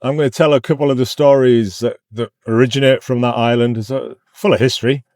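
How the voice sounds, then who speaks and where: A man's voice: mid-range voice, fairly even intonation, quick pace, a little mellow, no echo, studio quality. A middle-aged British man chatting casually and candidly to his phone in a car, rambling a little, his speech slightly off from a numbed mouth. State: mouth numb from dental anesthetic, talking slightly funny. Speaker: YouTube vlogger. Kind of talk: casual car chat to camera. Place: inside a car. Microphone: phone in windscreen holder.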